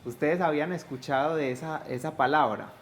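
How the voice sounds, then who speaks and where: A man's voice: fairly high pitch, fairly quick, a little hiss or hum. A male teacher explaining a science topic to pupils, asking them questions as he goes. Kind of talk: educational explanation.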